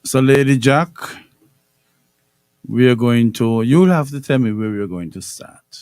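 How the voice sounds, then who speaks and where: A middle-aged man hosting a radio interview show, speaking in a measured way and repeating phrases for emphasis. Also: mid-range voice, darkish tone, clean tone, no echo. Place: radio studio.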